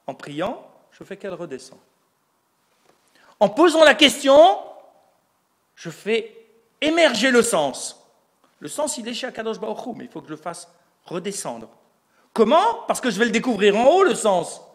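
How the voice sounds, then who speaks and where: Speaking at normal speed with frequent pauses, this man has a high-sitting, sing-song voice. His recorded lecture on religious texts builds an argument one step at a time, full of explanation and rhetorical questions he answers on his own.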